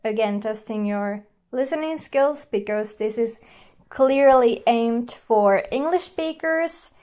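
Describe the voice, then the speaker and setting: A native Finnish speaker and teacher with a Finnish accent reviews a language app on camera, explaining and commenting while she tries it out. Her voice is on the high side and darkish in tone, and she speaks slowly.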